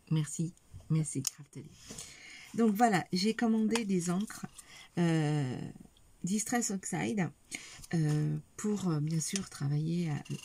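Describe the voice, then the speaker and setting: In this craft haul video, a middle-aged woman with a lowish, darkish voice talks casually to her viewers while presenting each item. Her speech is hesitant and full of fillers, with a little hiss or hum on the recording.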